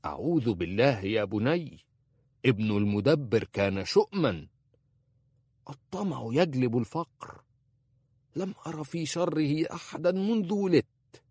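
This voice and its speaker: A man's voice: medium pitch, expressive, a little slow, pauses often, darkish tone, slightly rough, no echo, studio quality, pitched above the performer's own voice. A man voicing a blunt, sardonic old male tailor in an audiobook. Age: older.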